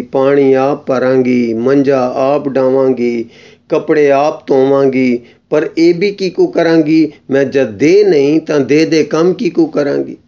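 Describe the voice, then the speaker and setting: A man reads a literary story aloud in a slow, measured, expressive voice. His tone is mellow and warm at an average pitch. The recording sounds slightly dull and lo-fi. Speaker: reader.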